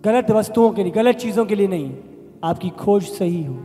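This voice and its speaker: A man with a very high-pitched voice delivers a sermon as pastor. He preaches emphatically, rising loud on key phrases. The voice rings through a reverberant hall with faint music underneath. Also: animated, normal speed.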